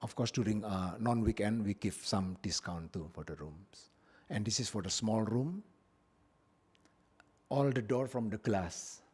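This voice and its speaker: A man from Indonesia, his voice fairly low, a little mellow and husky, explains his business plan to a public hearing. Standing at the podium microphone in the council chamber, he keeps it plain and often stops or uses fillers.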